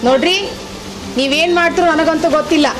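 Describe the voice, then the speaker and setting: A woman's voice: high voice, steady tone, fast talker, natural voice. An actress playing an insistent wife who scolds her husband. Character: demanding young wife, impatient with her husband.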